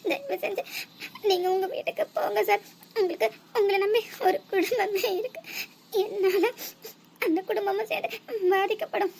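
A woman voicing a frightened young woman in a cartoon, pleading softly through tears. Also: very high voice, animated, normal speed, a little hiss or hum. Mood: tearful pleading. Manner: soft, pleading. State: tearful.

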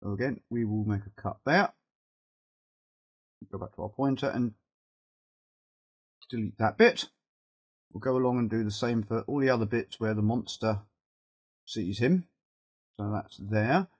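A middle-aged man presenting a video editing tutorial speaks in a low, husky voice that keeps fading because he has a cold. He talks haltingly through the software steps in an informal way, thinking aloud as he goes.

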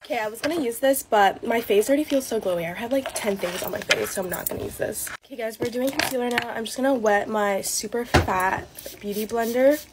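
Teen girl, casual beauty vlog chat, loose and filler-heavy, steady noise under the voice. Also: fairly high pitch, quick pace, hardly any pauses. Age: late teens. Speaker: beauty vlogger. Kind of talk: get-ready-with-me vlog chat.

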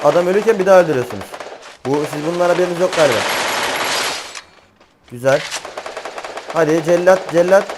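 A young man commenting on his gameplay as a gaming channel host, chatty, slangy and often exasperated. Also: fairly high pitch. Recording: game gunfire noise underneath. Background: gunfire and game sounds.

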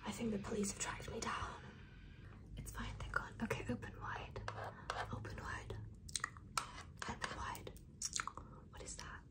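Fast-whispering woman acting as interdimensional kidnapper, whispered role-play. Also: a little high, little pitch movement, lightly acted. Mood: matter-of-fact. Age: young adult. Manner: fast, brisk whispering ASMR. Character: businesslike interdimensional woman kidnapper examining a captive human. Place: small bedroom, indoors.

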